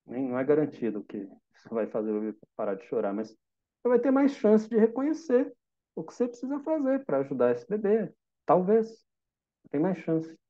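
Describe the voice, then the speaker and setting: Brazilian man, meditation teacher, mellow warm voice, dull lo-fi live stream sound. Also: fairly high pitch, normal speed. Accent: Brazilian Portuguese. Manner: calm, reflective, uses simple examples and asks listeners questions.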